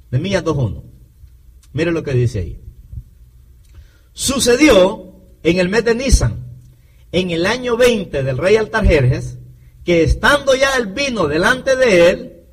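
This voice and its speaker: A man preaching a sermon with a fairly high, husky voice. His pitch swings widely as he reads scripture and speaks straight to the congregation. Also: low-quality recording. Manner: expressive preaching, addressing listeners as brothers.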